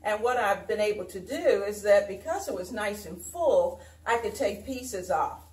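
Older woman, home decor host, slow chatty demonstration, recorded by a far camera in an echoey dining room. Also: mid-range voice, lively intonation, a little mellow. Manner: chatty, unhurried, talks while working with her hands. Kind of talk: casual how-to demonstration. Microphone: camera mic from across the room. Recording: roomy echo, voice from a distance.

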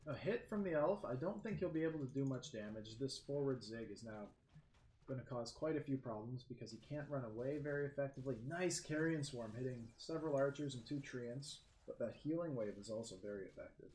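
A man commentating a strategy game match, lively play-by-play that jumps up in excitement. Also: medium pitch, a little fast. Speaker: game caster. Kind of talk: esports commentary. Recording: echoey room with faint background noise.

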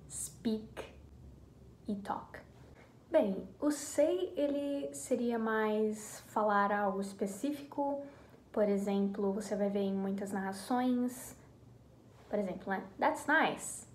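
A woman's voice: on the high side, darkish tone. A woman with a Brazilian Portuguese accent, casually explaining English verbs in a chatty, hesitant way as an online teacher. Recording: echoey room with faint noise.

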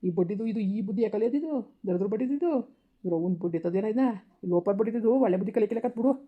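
A woman voicing an angry village father who shouts and curses at his daughter in a harsh, bitter way. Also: medium pitch, racing, close to an everyday voice. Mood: raging. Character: furious village father, harsh and cursing, man. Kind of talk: village family drama acting. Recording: dull lo-fi recording.

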